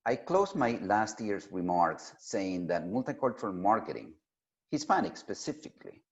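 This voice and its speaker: A man delivers a prepared keynote address, speaking emphatically and deliberately with pauses for emphasis. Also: lowish voice, sing-song. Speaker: keynote speaker at an industry summit. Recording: dull, lo-fi sound.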